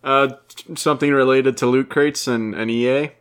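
A man's voice: mid-range voice, steady tone, normal speed, a bit bright, clean tone. A young man co-hosting a podcast in casual comedic chat, rambling and self-deprecating. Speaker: podcast co-host.

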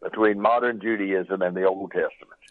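A man's voice: low-pitched, steady tone, a little fast, no echo. A man, a pastor guesting on a call-in radio show, telling stories emphatically with some uh fillers, heard over the phone. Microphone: telephone. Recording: tinny phone line.

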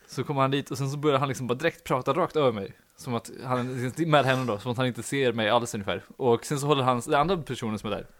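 Young male podcast host, rambling anecdote, fillers galore, mid-range voice. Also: medium pitch. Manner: rambling, filler-heavy, laughs at own story. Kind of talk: casual anecdote telling.

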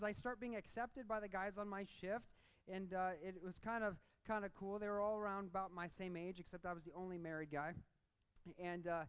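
A man with a notably high voice delivers a sermon, building his lines through repetition and swinging between loud emphasis and quieter moments. When he tells his own story, he sounds loose and conversational. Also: clean tone, poor audio. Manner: impassioned preaching that turns into casual storytelling; repeats phrases for emphasis, rising and dropping in force. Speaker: pastor.

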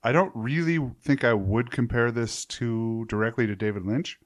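A man's voice: mid-range voice, moderate pace, no echo. A man from central Wyoming, co-hosting a review podcast with a dry, rambling wit. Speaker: podcast co-host. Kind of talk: casual review chat.

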